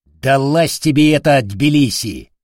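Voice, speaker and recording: Goblin gang leader, bossy, quick-tempered, barking orders, voiced by a man. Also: mid-range voice, expressive, darkish tone, dry recording, clean studio sound, natural voice. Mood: angry. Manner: barking, commanding.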